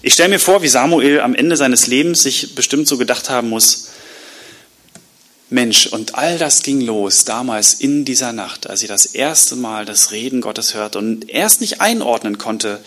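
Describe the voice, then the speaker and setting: A man preaching a sermon, retelling a Bible story in a lively, colloquial way and acting out the quotes. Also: medium pitch, measured pace. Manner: colloquial asides. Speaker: pastor.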